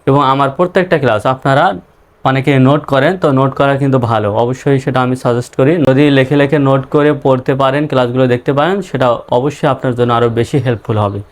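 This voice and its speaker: A man's voice: medium pitch, fairly even intonation, fast talker. A male teacher whose first language is Bengali, giving a reading lesson and spelling English words letter by letter before sounding them out.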